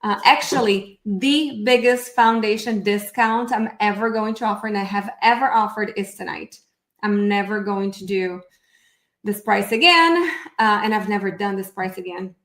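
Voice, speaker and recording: A woman's voice: mid-range voice, normal speed, a bit bright, echoey room. Upbeat Brazilian-born woman hosting a webinar. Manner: chatty and upbeat, thinking aloud while fixing screen sharing. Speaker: myofunctional therapist hosting a live webinar. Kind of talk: casual live-stream presentation.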